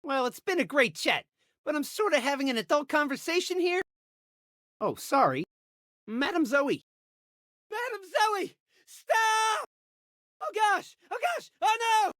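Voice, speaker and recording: Eager, bumbling young bodyguard, game character, wildly animated and unhurried, dry recording. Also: male voice, extremely high pitch, dry recording, heavily acted. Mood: frantic yelling. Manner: excitable, awkward, hammy.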